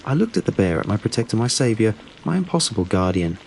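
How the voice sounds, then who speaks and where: A man reading a scripted horror story in a steady, measured storytelling delivery. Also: on the low side, vocal fry, slight background noise, poor audio. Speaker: narrator.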